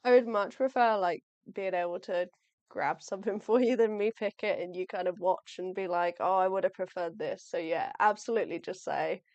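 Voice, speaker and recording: A young woman with a medium-pitched, slightly mellow voice talks at a moderate pace while live-streaming from her home workspace as she packs shop orders. Her casual chat is friendly and chatty; she thinks aloud, apologizes often, and is losing her voice. The recording is dry, with the highs cut off.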